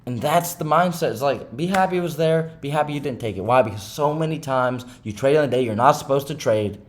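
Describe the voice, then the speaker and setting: A man's voice: medium pitch, fairly quick, background noise. A man vlogging about his day trading, talking to himself in a rambling, self-critical way and often tagging his points with "right?". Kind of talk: candid self-talk monologue.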